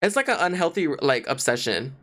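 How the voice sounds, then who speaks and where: A man's voice: fairly high pitch, brisk. A young man co-hosting a casual podcast, talking in a rambling way full of "like" fillers. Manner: rambling, lots of "like" fillers, animated. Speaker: podcast co-host. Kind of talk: casual chat.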